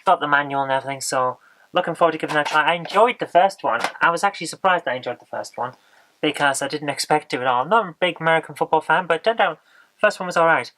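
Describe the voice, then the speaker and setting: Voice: medium pitch, quick pace, a bit bright, slight background noise, poor audio. An exhausted vlogger, chatting casually and rambling as they search for words. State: exhausted, low on energy. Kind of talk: casual vlog chat.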